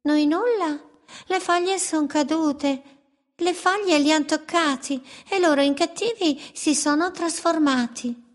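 A woman's voice: high voice, a little slow, voice pushed up. A woman voicing a pair of scruffy, teasing birds who speak in a rhyming, sing-song lilt in a storybook.

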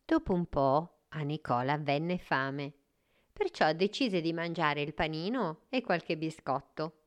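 Woman storyteller, children's story, slow, gentle, smooth clear voice. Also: deep voice, expressive.

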